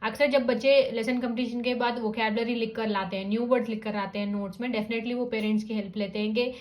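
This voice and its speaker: A woman explains how to read words, slowly sounding out syllables and mixing two languages. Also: a little high, steady tone, darkish tone. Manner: mixes Hindi and English, sounds out syllables slowly. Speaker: teacher guiding parents. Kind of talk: explanatory lesson.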